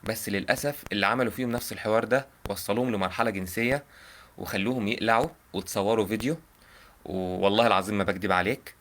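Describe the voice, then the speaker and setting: A man's voice: lowish voice, fairly bright tone, slight background noise. A young man with an Egyptian accent giving earnest, informal advice on a live call. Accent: Egyptian Arabic. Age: young adult. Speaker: prank caller giving advice.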